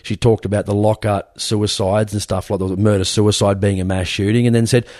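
A man's voice: lowish voice, level tone, fairly quick, darkish tone, no room sound, studio quality. An Australian man hosting a podcast, chatting casually in a blokey, matey, rambling way. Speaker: podcast host. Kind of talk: casual interview chat.

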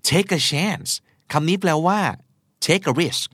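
A man teaching English vocabulary and idioms, acting out example lines in English with animated delivery. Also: high voice, drawn-out words, background noise. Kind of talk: vocabulary lesson.

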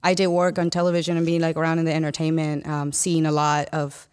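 A woman's voice: sits low, completely flat delivery, fast talker, darkish tone, smooth. A woman from the Dominican Republic, a guest on a podcast, talking casually with many fillers and restarts. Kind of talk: casual conversation.

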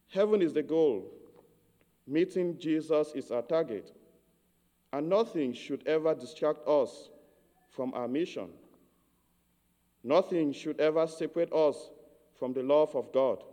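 A man from Cameroon giving a measured, earnest homily as a priest. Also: fairly high pitch, dark tone, in a large hall.

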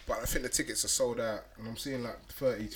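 A man's voice: mid-range voice, steady tone, fast talker, over a noisy crowd. A young man with a London roadman accent, chatting casually in slang and often repeating himself. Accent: London roadman, multicultural London slang. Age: young adult. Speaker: podcast co-host. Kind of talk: casual chat.

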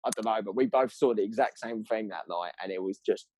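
A man's voice: lowish voice, a little fast, a little mellow, dry recording. A man with a southern English accent telling anecdotes in casual, sweary, slangy chat, rambling along in a matey way.

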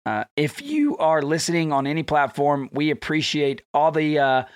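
Sick podcast host, strained voice. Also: male voice, fairly high pitch, expressive, normal speed, clean tone, no room sound, studio quality. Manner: chatty, rambling with fillers. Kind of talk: casual podcast chat.

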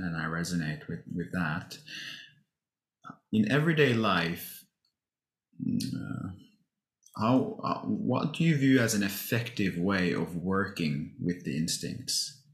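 Very deep, slow-talking host in an echoey room. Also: male voice. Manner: slow, enthusiastic, frequent affirmations. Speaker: podcast host. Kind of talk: interview conversation.

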